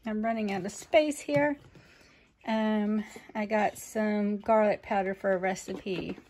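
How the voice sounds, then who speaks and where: A woman showing off her groceries in a casual home vlog, chatty and unhurried, with frequent ums. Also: mid-range voice, steady tone, background noise. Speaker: vlogger, mother. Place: home kitchen.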